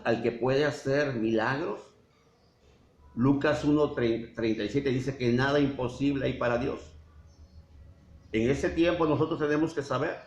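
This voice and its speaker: Male Mexican pastor, mid-pitched, emphatic sermon delivery; recorded roomy and slightly muffled. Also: a little mellow. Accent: Mexican Spanish. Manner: preaching with rhetorical questions and emphatic pauses. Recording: dull roomy church sound with faint hiss.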